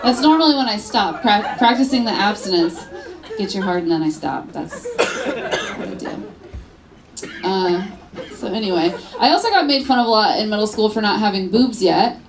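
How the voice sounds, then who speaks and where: A woman in her thirties works a comedy club crowd through a handheld mic, telling bawdy, self-mocking stories. Her mid-pitched voice jumps all over its range as she plays out scenes. The live recording is thick with audience laughter and room noise. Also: sing-song, normal speed. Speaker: stand-up comedian. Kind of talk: stand-up comedy set. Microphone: handheld stage mic.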